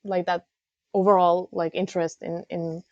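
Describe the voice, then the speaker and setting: A young woman from Serbia answers interview questions in a low, warm, relaxed voice. She pauses often and restarts her sentences. The sound is dull and lo-fi, recorded close and dry. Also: no echo. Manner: hesitant, many fillers and restarts. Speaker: guest, games news editor. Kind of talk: casual interview chat.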